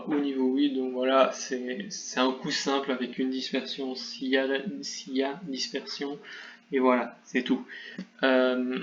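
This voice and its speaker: A man hosting a video game guide, methodically explaining a game skill over slides with a lightly self-mocking touch. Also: mid-range voice. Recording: dull lo-fi recording, faint background noise.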